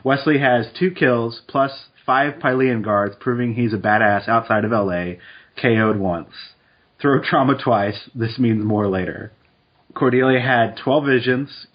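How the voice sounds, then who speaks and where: Husky man on a lo-fi podcast. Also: medium pitch. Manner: relaxed, laughs easily, quick asides. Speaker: podcast co-host. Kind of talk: casual chat, reading statistics aloud.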